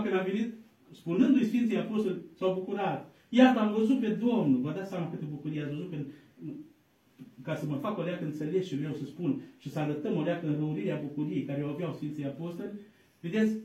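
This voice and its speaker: High voiced orthodox priest giving a sermon, chanty slow scripture bits, loud pushy parts, mic far off in a boomy church. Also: male voice. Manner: swings from quiet asides to loud, emphatic exhortation. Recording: echoey room, distant mic.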